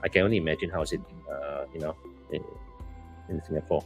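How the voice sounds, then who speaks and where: A man's voice: extremely low pitch, steady tone, fast, creaky, husky, soft background music. A man with a Malaysian accent co-hosting a casual live chat, talking in a hesitant, rambling way. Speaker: co-host of a live stream.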